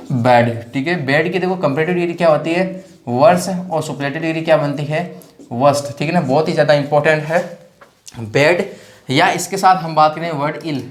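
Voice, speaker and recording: A man teaching an exam-prep grammar lesson, repeating each point and often checking in with his students. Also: fairly high pitch. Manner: repetitive, checks in with "theek hai na" constantly; spells words out letter by letter. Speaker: English teacher.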